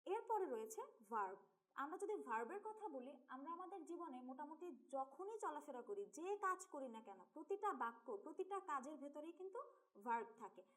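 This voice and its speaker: A woman's voice: high-pitched, expressive, normal speed, a bit bright. A young woman with a Bangladeshi Bengali accent teaching English grammar in an online lesson. She explains step by step, mixes English terms into her Bengali and talks straight to her students.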